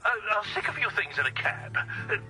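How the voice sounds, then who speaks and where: An actor playing a showy older theatrical agent, heard over a phone on speakerphone, theatrical and fond of Yiddish words. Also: male voice, high voice, huge pitch swings, brisk, over music, low-quality recording. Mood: aggrieved.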